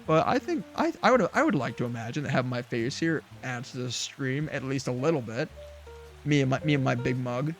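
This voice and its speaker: A man chatting casually as he streams a farming game, mid-pitched and easygoing. He rambles with fillers and restarts, and faint music plays behind him. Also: lively intonation, a little fast. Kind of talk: casual gameplay chat.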